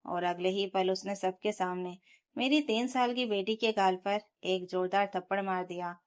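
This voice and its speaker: Woman storyteller reading a dramatic family tale in first person, steady and emotional. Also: medium pitch, moderate pace.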